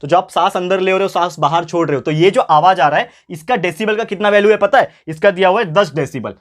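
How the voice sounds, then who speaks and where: A man tutoring a school science class, talking to viewers as friends, repeating key points and speaking a little louder than normal to stay clear. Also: high-pitched, fast. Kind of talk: online science lesson.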